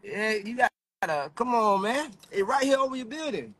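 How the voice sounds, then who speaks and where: A man's voice: high-pitched, sing-song, moderate pace, fairly bright tone. A young man chatting loosely into his phone outdoors by a car, rambling and cursing casually. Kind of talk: casual livestream chat. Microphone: phone camera. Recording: played-back phone video with street noise.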